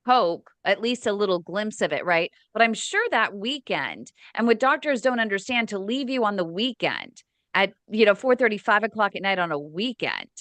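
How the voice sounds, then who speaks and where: Woman group host, smooth resonant voice, dry sound, gentle probing questions. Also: medium pitch, big pitch swings, normal speed, no room sound.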